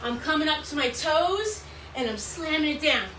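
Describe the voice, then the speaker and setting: A woman's voice: sits high, expressive, moderate pace, pushed and bright. A woman in her thirties working as an aerobics instructor, calling out moves and counts with repetitive, encouraging cues while she exercises. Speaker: fitness instructor leading a workout. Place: small bright room at home, indoors. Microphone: camera or phone several feet away. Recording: roomy, distant mic, clear background noise.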